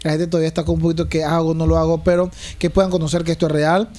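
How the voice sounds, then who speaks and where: Male interviewer, quick, warm tone, slightly high voice, leading questions. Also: level tone.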